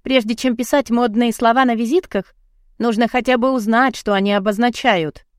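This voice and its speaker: A woman voicing an indignant young woman with quick, pointed retorts in an audiobook. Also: on the high side, steady tone, dry recording, studio quality, natural voice.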